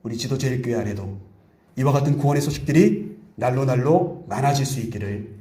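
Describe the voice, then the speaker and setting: A man preaching a Sunday sermon as pastor, telling stories with animated, acted-out voices. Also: medium pitch, fairly quick, slight background noise. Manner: animated storytelling, acts out quoted voices. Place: church sanctuary. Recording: echoey church hall.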